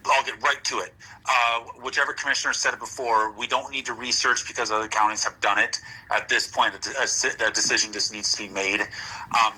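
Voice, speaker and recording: A man in his thirties from North Dakota comes through a speakerphone into the room. His voice sits low but sounds very bright and edgy. He walks through a planning update in a plain, businesslike way. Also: slightly rough, low-quality recording. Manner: plain, matter-of-fact, working through points. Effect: heard over a speakerphone in the room. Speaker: regional planner giving an update. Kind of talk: businesslike update at a public meeting.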